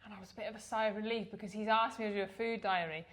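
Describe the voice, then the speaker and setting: A woman, talking casually on a podcast. Her voice sits mid-pitch, and she's chatty and self-deprecating, laughing often at herself. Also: fairly even intonation, rapid-fire. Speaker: podcast co-host. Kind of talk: casual chat.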